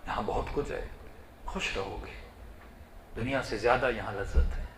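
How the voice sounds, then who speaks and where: A male preacher voicing a gentle deceased father who quietly coaxes his son to come with him. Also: mid-range voice, roomy sound, a little hiss or hum, pitched below the performer's own voice, natural voice. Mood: hushed, gentle.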